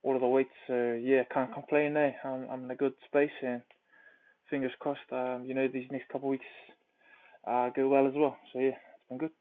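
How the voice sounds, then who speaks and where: A man's voice: mid-range voice, flat delivery, moderate pace. A young man with a New Zealand accent, a rugby player chatting casually as an interview guest, laid-back with lots of fillers. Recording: tinny phone-like line.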